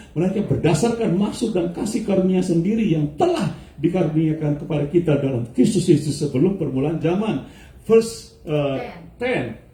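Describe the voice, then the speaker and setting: A male pastor preaching a lively sermon, switching between Indonesian and English and putting questions to the congregation. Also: high-pitched. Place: church hall. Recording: echoey church hall, mic at a distance.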